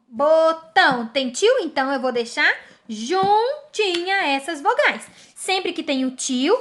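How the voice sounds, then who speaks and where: A woman teacher giving a lesson, spelling out examples slowly and pointing at each one. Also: sits high, a bit bright. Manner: slow, drawn-out word by word, pointing at examples. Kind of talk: classroom lesson on syllable division.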